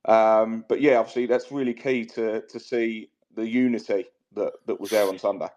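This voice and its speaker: The host of a casual online fan chat speaks in a steady, darkish, fairly low voice at normal speed. He sounds hesitant, with many fillers, repeats and restarts, and the lo-fi sound is dull.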